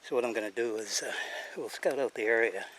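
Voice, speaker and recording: A man with an American accent, vlogging outdoors in the woods in a halting, casual way, out of breath after a long bike ride. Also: medium pitch, a bit bright, slight background noise, low-quality recording. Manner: halting, with many fillers. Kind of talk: casual outdoor vlog talk.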